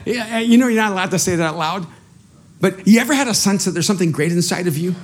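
With a high-pitched voice and a quick pace, a middle-aged Salvadoran pastor whose first language is Spanish preaches animatedly. He's self-deprecating and often repeats words as he restarts.

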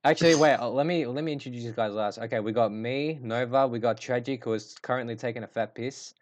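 A man's voice: mid-range voice, fast talker. A laid-back Australian man in his mid-range voice, running a loose chat with friends. He restarts sentences often and keeps things easygoing, sounding like a young guy talking into a home mic. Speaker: podcast host. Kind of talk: casual group chat over voice call.

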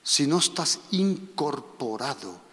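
Animated preacher in an echoing hall. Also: male voice, fairly high pitch, takes it slowly. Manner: animated, repeats instructions to the congregation. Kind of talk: sermon with live demonstration. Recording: long reverb of a hall.

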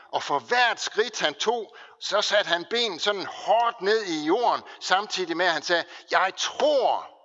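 Animated, bright-voiced male preacher in a church hall. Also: high-pitched, dull audio. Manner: preaching with slow, weighty pauses and emphasis. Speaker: pastor. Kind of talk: sermon.

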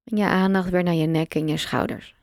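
A woman guiding a relaxation meditation, giving slow, calm, soft instructions with long pauses. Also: lowish voice, no echo, studio quality. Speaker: meditation guide.

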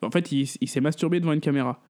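A man co-hosting a casual chat, quick and chatty, piling on details. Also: a little high, darkish tone. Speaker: podcast co-host.

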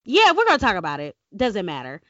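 A woman hosting a podcast in casual banter, with a squeaky, chipmunk-like voice and a feisty, sweary manner. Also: huge pitch swings, fast, dry recording, lo-fi sound. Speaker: podcast host.

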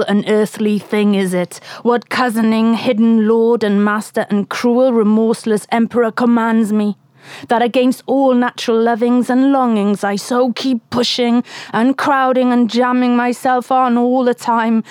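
A woman's voice: on the high side, darkish tone, dry recording, clean studio sound, lightly acted. A woman voicing a weary, obsessed old whaling captain in anguished, archaic soliloquy for an audiobook. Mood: tormented, questioning. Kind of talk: dramatic audiobook reading.

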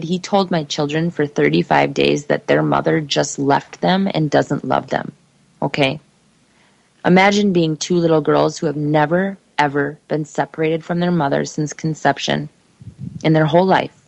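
A woman with a low, gravelly voice gives an urgent personal testimony. She speaks emphatically and addresses her listeners directly. The sound is dry and close. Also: darkish tone, no room sound, low-quality recording. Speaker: mother telling her story.

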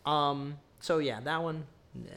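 A man's voice: fairly high pitch, slow, creaky, fairly bright tone. A man co-hosting a podcast, giving a casual, rambling movie review full of ums and emphatic verdicts. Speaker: podcast co-host.

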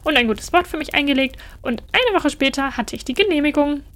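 A woman's voice: high-pitched, animated, fairly quick, a bit bright, voice pushed up. A woman voicing a cheerful, clever young male Christmas elf who talks in a breezy, boastful way.

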